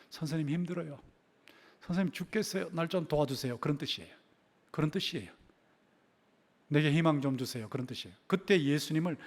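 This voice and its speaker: An older man preaching a sermon as pastor, stressing words and then repeating them in a dropped voice. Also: on the high side. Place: church sanctuary.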